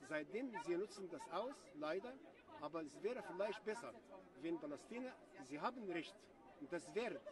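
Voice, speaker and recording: A middle-aged man from Egypt, interviewed on a city street at a protest, talking haltingly with many fillers. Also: sits high. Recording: distant voice over crowd noise.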